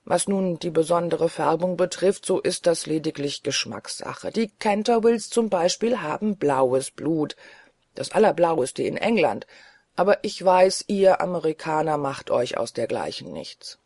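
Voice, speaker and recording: Narrator playing a tired lonely old ghost, mournful and soft, a bit gravelly, storybook reading. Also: mid-range voice, lively intonation, unhurried, dry recording, clean studio sound. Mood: sheepish. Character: weary old male ghost, lonely and sad. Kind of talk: audiobook reading.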